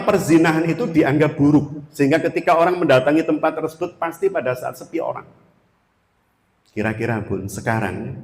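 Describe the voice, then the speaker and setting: A man's voice: medium pitch, darkish tone. A male preacher gives a storytelling sermon to a women's study group, acting out the dialogue in different voices. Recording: echoey hall with long reverb.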